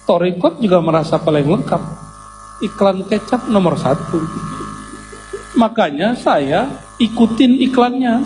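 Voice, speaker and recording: A man's voice: sits high, background noise. A man giving a religious lecture, talking to his listeners directly and slipping in jokes. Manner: conversational, joking, addresses listeners directly. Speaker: Islamic preacher.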